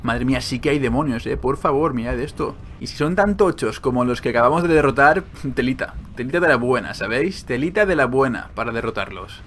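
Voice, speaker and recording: A man giving casual gameplay commentary, excitable and quick to swear and joke. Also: medium pitch, slight background noise. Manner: excitable, swearing, joking asides. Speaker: gaming video host.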